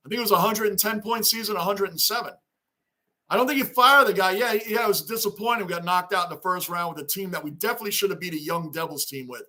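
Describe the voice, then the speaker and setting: A man hosting a casual sports livestream, chatting excitedly and shouting greetings as he reads viewer comments. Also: high-pitched, quick pace. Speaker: livestream host. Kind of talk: casual livestream chat reading fan comments.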